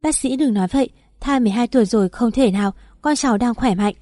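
A woman voicing a distraught, sharp-tongued young pregnant wife in an audio story, raised and loud. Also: a little high, quick pace, no echo, studio quality, natural voice. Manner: shouting, rude.

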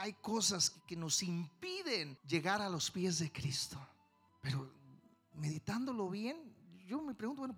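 A male pastor preaching a sermon with passion, swinging between quiet stretches and sudden loud outbursts. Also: sits high, breathy edge.

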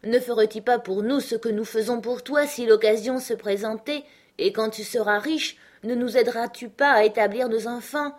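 A woman's voice: a little high, normal speed, natural voice. A woman voicing a devoted elder sister and mother of a family, pleading with reproachful questions. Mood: coaxing.

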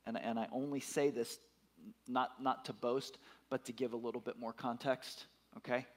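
A man's voice: medium pitch, fairly even intonation, normal speed. A man in his fifties preaching a sermon, emphatic, repeating his words and putting questions to the congregation. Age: 50s. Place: church.

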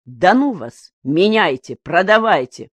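A woman reading the part of an agitated old male fishing brigade leader in an audiobook, speaking loudly in exclamations. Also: fairly low pitch, big pitch swings, measured pace, dry recording. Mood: heated. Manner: loud, exclaiming.

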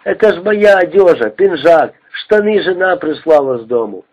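A man's voice: a little high, animated, moderate pace, pitched above the performer's own voice. A man doing a pleading peasant prisoner. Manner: pleading, colloquial. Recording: dull lo-fi recording.

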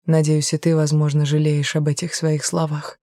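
A woman's voice: low voice, monotone, normal speed, dark tone, no echo, clean studio sound, natural voice. Woman reading as a remorseful husband. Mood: tender. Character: grown man, a remorseful, tender husband.

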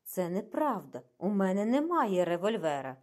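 Woman reads defensive young woman, sharp replies, audiobook figure. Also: medium pitch, very animated, moderate pace.

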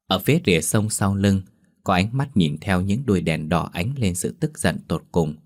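Man, very low voice, steady ghost story narration, even delivery.

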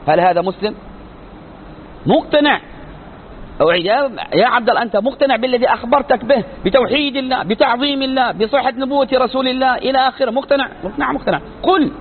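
Speaking fast in a very high voice, a sheikh delivers a religious lecture on creed. He is emphatic and keeps asking rhetorical questions, then answering them, while faint noise sits behind the thin, narrow-sounding audio.

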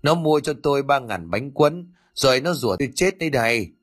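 A man's voice: medium pitch, expressive, brisk, slightly rough, voice pushed up. A man playing a foul-mouthed scolding old woman. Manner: coarse, bossy scolding. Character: foul-mouthed, scolding elderly mother-in-law.

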